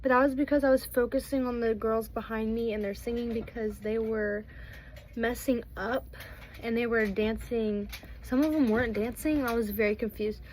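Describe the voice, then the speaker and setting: A woman's voice: fairly high pitch, fairly even intonation, moderate pace, a little mellow, slight background noise, low-quality recording. A teenage girl chatting casually through a storytime while doing her makeup, rambling with lots of fillers and restarts. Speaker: vlogger.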